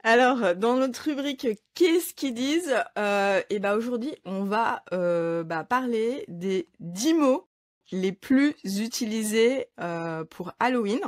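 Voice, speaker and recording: A woman's voice: fairly high pitch, lively intonation, slow, dry recording, studio quality. A woman hosting a quiz segment in a casual panel show, upbeat and leading the game. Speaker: host.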